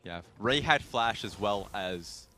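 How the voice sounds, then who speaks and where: Bright-voiced man giving esports analysis. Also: fairly low pitch, lively intonation, slow, a little hiss or hum. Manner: analytical, explains plays at length. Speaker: esports commentator. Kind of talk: live esports color commentary.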